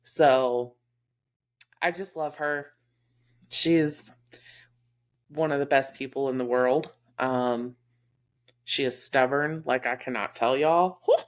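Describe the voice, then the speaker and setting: A woman with a Texas accent and a very low, deep voice talks in an easy podcast chat. She speaks candidly and from the heart, with plenty of "um" and "you know" as she thinks aloud. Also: slow, pauses often. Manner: candid, heartfelt, lots of fillers. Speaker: podcast co-host. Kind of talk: casual chat.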